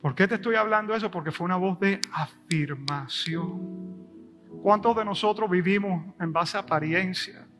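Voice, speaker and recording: A middle-aged male pastor preaching a sermon, swelling loud and high at times, then dropping soft. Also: normal speed, music in the background. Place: church service.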